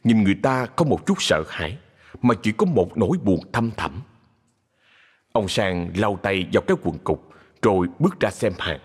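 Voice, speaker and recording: A man narrating a ghost story in a measured, expressive storytelling voice. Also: lowish voice, breathy edge.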